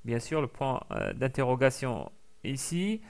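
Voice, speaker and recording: A man teaching a lesson in French, explaining slowly with many fillers and restarts and carefully sounding out each letter. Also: medium pitch, huge pitch swings, gravelly, darkish tone. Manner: carefully over-articulates sounds being taught. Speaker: Arabic teacher. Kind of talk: recorded language lesson.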